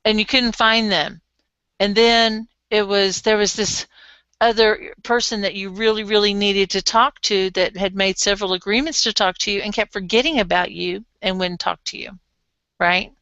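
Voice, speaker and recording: A woman coaching a client in a lively, frank way, laughing easily as she talks. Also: medium pitch, moderate pace, clean tone, no room sound, highs cut off. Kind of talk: coaching session.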